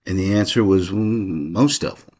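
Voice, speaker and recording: Deep husky-voiced man musing aloud. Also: moderate pace, mellow. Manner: rambling, conversational, many fillers and restarts. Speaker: channel host. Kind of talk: casual personal monologue.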